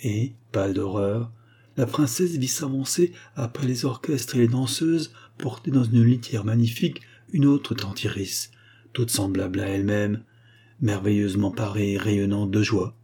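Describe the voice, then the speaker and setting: A man narrating a literary tale in a measured, dramatic reading. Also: fairly low pitch, mellow, slightly rough. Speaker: audiobook narrator.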